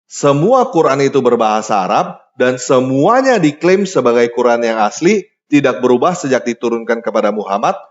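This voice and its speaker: A man's voice: mid-range voice, moderate pace. Formal male narrator, dull lo-fi sound. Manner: even, formal reading. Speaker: narrator of a played video. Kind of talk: scripted narration.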